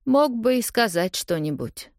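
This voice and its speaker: A woman's voice: a little high, expressive, unhurried, a little mellow, no room sound, clean studio sound, pitched above the performer's own voice. A woman reading an audiobook, voicing a hurt young woman who confronts her lover in a raised, pleading, accusing voice.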